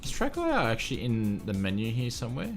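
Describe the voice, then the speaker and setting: An Australian man talks casually to his stream viewers, joking at his own expense. His pitch swings up and down a lot. Soft music plays faintly behind him. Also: huge pitch swings, fast. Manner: chatty, self-mocking, often laughing. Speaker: flight sim streamer. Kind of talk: casual live-stream chat.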